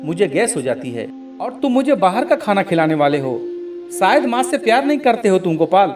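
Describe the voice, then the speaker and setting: A man's voice: high-pitched, very animated, a little fast, distant mic, over music. A man voicing an older mother-in-law who teases her son with mock innocence, in a storybook reading. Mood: teasing.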